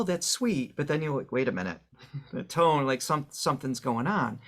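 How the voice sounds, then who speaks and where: Gravelly-voiced man explaining how voices work. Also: medium pitch. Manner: teaching, explains with examples and fillers. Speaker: voice coach guest. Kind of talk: explanatory podcast interview.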